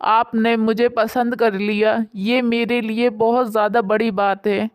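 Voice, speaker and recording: A woman doing a gentle, meek young daughter-in-law in a bedtime storybook, earnest and pleading. The voice is smooth and fairly high, with a dry close sound. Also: flat delivery, unhurried, no echo, close to an everyday voice.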